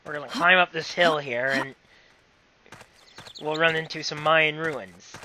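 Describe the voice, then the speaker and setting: A man's voice: fairly high pitch, steady tone, a little slow, bright, forceful tone, slight background noise. A man giving casual, rambling commentary over a game playthrough, apologetic and given to corny jokes. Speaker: gameplay commentator.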